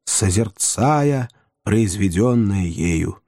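A man narrating a classic comic novel with expressive, animated storytelling. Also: very slow, dry recording, studio quality. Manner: expressive, animated storytelling with wide pitch swings. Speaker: audiobook narrator.

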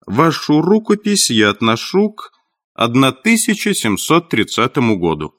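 Man reading as calm cool-headed detective, measured, lively audiobook reading. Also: medium pitch. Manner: calm, measured, coolly confident. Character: cool, precise male detective.

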